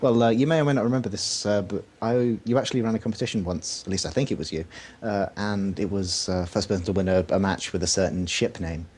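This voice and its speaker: Fast-talking man, dry teasing. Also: on the low side, darkish tone. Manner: dry, teasing, quick talker. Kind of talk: casual chat on a game stream.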